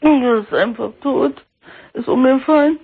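A woman in her sixties calling in to a radio show, grieving and near tears, speaking haltingly and repeating herself. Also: high voice, slightly rough. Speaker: caller. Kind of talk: phone-in call. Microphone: telephone. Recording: tinny phone line.

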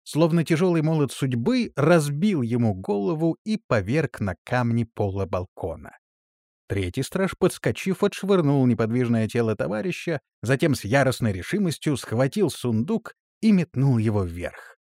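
A man narrating a fantasy storybook in an animated, dramatic manner. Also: medium pitch, normal speed, no echo, clean studio sound. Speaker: audiobook narrator.

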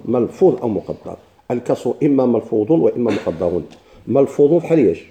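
A man's voice: medium pitch, very animated, fast talker, mellow, slight background noise. A man with a Moroccan Arabic accent teaching a classroom grammar lesson, explaining step by step and asking his own questions.

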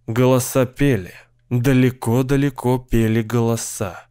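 A man's voice: mid-range voice, fairly even intonation, unhurried, mellow, clean tone, no room sound, studio quality. A man narrating an audiobook, reading dramatically and acting out a character's frightened cries. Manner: acts out the character's cries with rising intensity.

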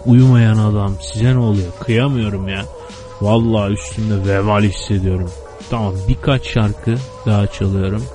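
A male radio host gently winding down a late-night show in a low, soft-spoken voice. Music plays clearly under his talk. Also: fairly even intonation, moderate pace.

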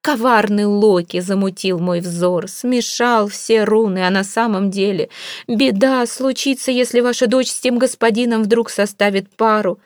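A woman voicing a theatrical fake female fortune teller, chanting doom in slow, wailing prophecy. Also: medium pitch, no echo, clean studio sound, voice pushed up, close to an everyday voice. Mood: prophetic wailing.

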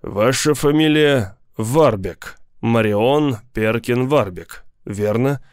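Man doing a big cold lawyer guy, calm and menacing, talks slow and smooth. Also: mid-range voice, dry recording, studio quality, close to an everyday voice. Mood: cool. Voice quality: slow, measured, coolly polite.

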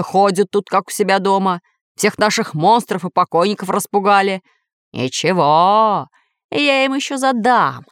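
A woman's voice: mid-range voice, no room sound, clean studio sound, lightly acted. A woman voicing a scheming, bad-tempered villain lord who growls and gloats.

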